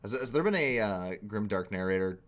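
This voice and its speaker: A young man talks casually as he reacts to a video. His voice is on the low side, and his delivery is loose, hesitant and conversational. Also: expressive, fairly quick, fairly bright tone. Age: young adult. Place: small room at home.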